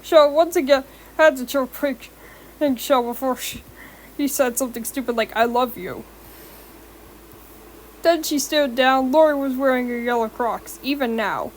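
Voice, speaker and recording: A woman's voice: high-pitched, unhurried, pauses often, a little hiss or hum. A young woman with a sore throat reading a fan-fiction story aloud, often stumbling and correcting herself. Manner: stumbling, rereads and corrects words.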